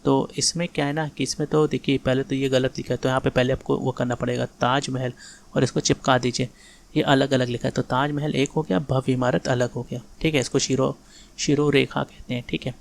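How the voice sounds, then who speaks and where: This grammar exam-prep lesson is delivered fairly quickly by a man whose medium-pitched voice is creaky and level. He works through sentence corrections in a relaxed lecture style, going over each fix more than once and frequently checking that everyone understands.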